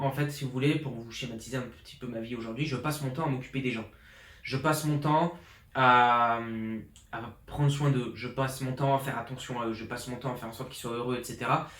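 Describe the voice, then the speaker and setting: Rambling young man in an echoey room. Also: medium pitch. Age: 20s. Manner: rambling, many restarts and fillers, fired-up. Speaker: fitness coach. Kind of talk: informal year-review vlog. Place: his flat in an apartment building. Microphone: borrowed pro journalist mic.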